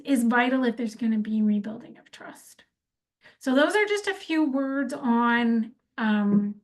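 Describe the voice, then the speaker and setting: A woman giving an informal instructional talk on workplace conflict, conversational, with many fillers and restarts. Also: a little high. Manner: acts out sample apologies in quoted speech.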